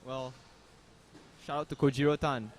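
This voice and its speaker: A young man giving relaxed, chatty live commentary on a squash match. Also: mid-range voice, normal speed, a little hiss or hum. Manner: relaxed, chatty, says "man" and "you never know". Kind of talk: casual live sports commentary.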